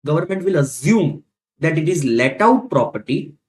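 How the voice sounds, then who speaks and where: A man's voice: fairly high pitch, expressive, moderate pace, darkish tone. A man with an Indian accent lecturing as a teacher, repeating key points and asking rhetorical questions in a didactic way. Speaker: tax teacher. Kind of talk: classroom lecture.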